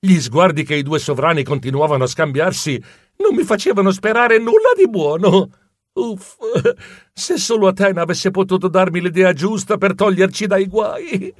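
A man narrating a children's story in an animated, comic and expressive way. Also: high-pitched, moderate pace, no echo, clean studio sound. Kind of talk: audiobook narration.

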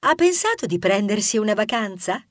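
A kindly, motherly female mouse colleague from an audiobook, as the male narrator puts her on. Her voice swings widely in pitch and sounds close and dry, with no room around it. She speaks gently and hands out advice. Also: very animated, fairly quick, no room sound. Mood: advising. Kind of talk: audiobook character voice.

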